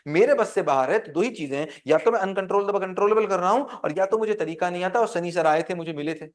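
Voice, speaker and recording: Man, high voice, teacher, interactive lecture, asks the class questions. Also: fast. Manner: quizzes the class with call-and-response questions.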